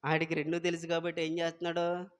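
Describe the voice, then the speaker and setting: A man preaching a Sunday sermon as pastor, quizzing the congregation and swinging between loud exclamations and soft asides. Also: fairly high pitch, completely flat delivery, fast, clean tone.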